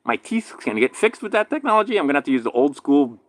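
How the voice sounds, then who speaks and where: A man from Hawaii with a slight lisp from a damaged tooth, rambling through a casual monologue, swinging between loud emphatic bursts and low mutters. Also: big pitch swings, fast, no room sound. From island in Hawaii. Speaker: vlogger.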